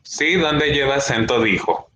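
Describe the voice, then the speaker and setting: A young man teaches a class in a slow, patient way and keeps checking that his students follow. His voice is bright and clear. The room echoes, with faint ambient noise behind him. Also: medium pitch. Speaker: schoolteacher. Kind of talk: classroom lesson.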